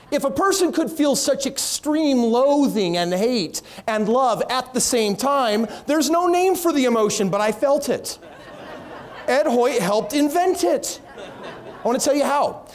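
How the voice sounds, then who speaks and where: A man telling stories in an energetic way as a company founder giving a keynote on a conference stage. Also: extremely high pitch. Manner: energetic, animated storyteller voicing others' quotes.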